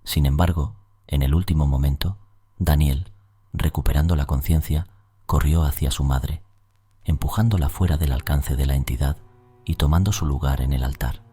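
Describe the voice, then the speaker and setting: A man narrating a scripted horror story in a solemn, ominous, measured storytelling manner. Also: a bass voice, fairly even intonation, dark tone, slightly rough, no room sound. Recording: music bed under voice. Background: music.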